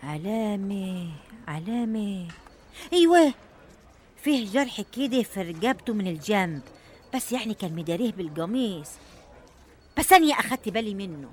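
A woman's voice: mid-range voice, big pitch swings, moderate pace, long pauses. An actress playing an anxious, deferential village woman with a rural Egyptian accent, pleading and lamenting in a radio drama. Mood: hesitant recalling.

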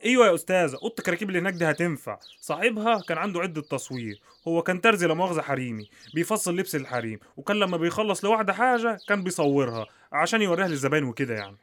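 A man's voice: high voice, sing-song, racing, hardly any pauses, a bit bright. An actor playing an obliging, chatty working-class Egyptian doorman in a radio drama. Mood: eager, obliging.

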